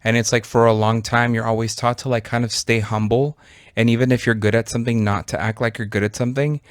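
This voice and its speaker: A man in his thirties chats as a podcast co-host. His voice sits at an ordinary middle pitch and the sound is dry and close. He rambles thoughtfully and leans on fillers as he talks. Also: level tone, fast talker, clean tone, no room sound. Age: 30s. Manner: reflective, rambling with many fillers. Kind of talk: casual chat.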